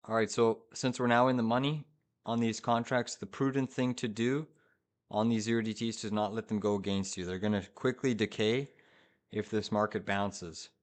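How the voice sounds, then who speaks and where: A man's voice: lowish voice, fairly even intonation, normal speed. A man hosting a live trading stream, giving urgent, hyped commentary to viewers in short repeated phrases. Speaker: live-streaming day trader, host.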